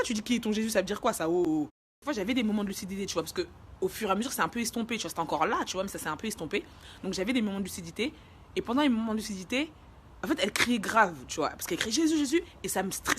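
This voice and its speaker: A young woman tells a personal story straight to camera in quick, slang-heavy speech. She races through it and bursts into shouts when she acts out the wild parts. A faint background hum sits under her voice. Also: mid-range voice. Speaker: vlogger telling a personal story. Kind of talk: casual story time.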